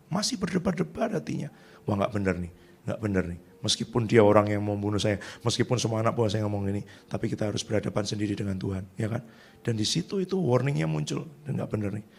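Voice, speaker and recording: A middle-aged male pastor preaching a sermon in a lively, conversational way, acting out the voices of people he quotes. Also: fairly low pitch, gravelly, breathy edge.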